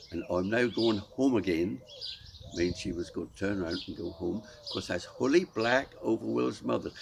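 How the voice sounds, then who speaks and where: A man's voice: low voice, creaky. An older man with a Norfolk accent, telling folksy anecdotes and explaining local sayings. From Norfolk, England. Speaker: dialect storyteller. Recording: outdoor background noise with birdsong. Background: birdsong and outdoor ambience.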